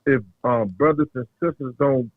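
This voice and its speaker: A man from North Carolina calling in to a show over the phone, talking in a halting, rambling way with many pauses. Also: medium pitch, no room sound. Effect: heard over a phone line. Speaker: caller. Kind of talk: casual call-in chat. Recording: tinny dry phone line.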